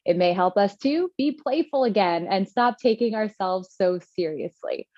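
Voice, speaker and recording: A woman's voice: mid-range voice, lively intonation, moderate pace, warm tone, no echo, dull audio. A woman hosting an interview podcast, reading an enthusiastic introduction and then chatting with her guest. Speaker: podcast host.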